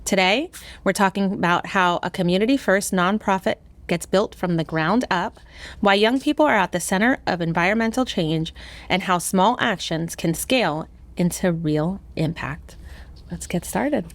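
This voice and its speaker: Upbeat woman host, lowish voice. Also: normal speed, no echo. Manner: upbeat, encouraging interviewer. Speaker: podcast host. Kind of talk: scripted intro then casual interview.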